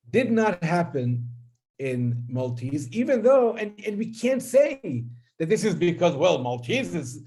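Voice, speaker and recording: A man with a slightly high, warm voice gives an academic linguistics lecture; Hebrew is his first language. He sounds hesitant, full of fillers and restarts, and keeps checking in with listeners by asking "right?".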